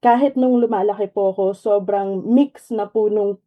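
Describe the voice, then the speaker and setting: Calling in over a tinny phone line, a young Filipino woman guests on a radio interview, speaking politely in a steady, mid-range voice at normal speed. She mixes Tagalog with English, using many fillers, in a Filipino accent.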